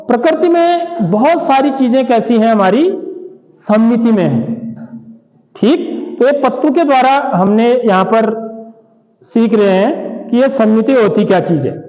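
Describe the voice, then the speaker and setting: A man's voice: very high voice, darkish tone. A man teaching a math lesson to schoolchildren, demonstrating with objects and often asking whether they understand. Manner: repeatedly checks understanding, asks students questions. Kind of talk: classroom lesson explaining with examples. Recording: roomy echoey sound, dull lo-fi.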